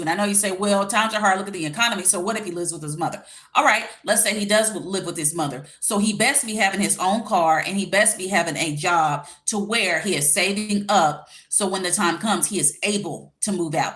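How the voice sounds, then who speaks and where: Her voice is lowish and a bit bright. She's a life coach and YouTube host in her forties, chatting casually and directly with viewers about dating, and a retainer gives her a slight lisp.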